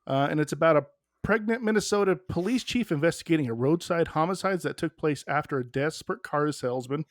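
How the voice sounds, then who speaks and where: A man's voice: a little high, a little fast, no room sound, studio quality. A man hosting a podcast in an easygoing casual chat. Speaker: podcast host.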